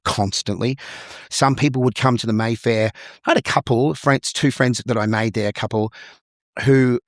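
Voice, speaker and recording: A man's voice: mid-range voice, steady tone, moderate pace, no echo, studio quality. A man with an Australian accent, a musical theatre performer and vocal coach, telling anecdotes in a casual interview with frequent restarts and repeated words.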